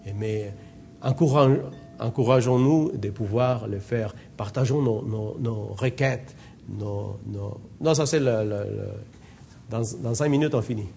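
A man with a foreign accent leading a Bible study, exhorting the group and often pausing, with many fillers and restarts. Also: mid-range voice, vocal fry, warm tone, a little hiss or hum. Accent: non-native French accent. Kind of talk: informal Bible study teaching.

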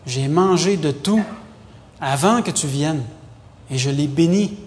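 A man reading the part of an aging, solemn patriarch and father, in a slow, grave manner. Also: a little high, a little mellow. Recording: long hall reverb.

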